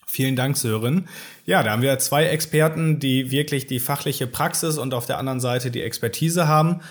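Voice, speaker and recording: A man's voice: mid-range voice, a little fast. A man hosting a podcast, giving friendly, scripted introductions and asking questions. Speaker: podcast host. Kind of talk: podcast interview.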